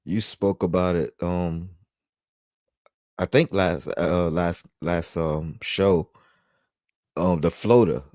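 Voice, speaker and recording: An easygoing man with a very low voice co-hosts a casual fan podcast, talking slowly and relaxedly with long pauses and repeatedly checking in with "you know what I mean." The recording is dry and close.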